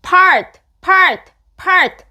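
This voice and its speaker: Woman phonics teacher drilling words slowly, each said three times; very high, bright voice. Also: lively intonation. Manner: repeats each English word three times, then gives its meaning. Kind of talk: slow repeated word drills with explanations.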